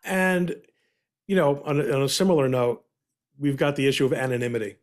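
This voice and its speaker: Measured middle-aged male podcast host. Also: mid-range voice. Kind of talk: conversational interview.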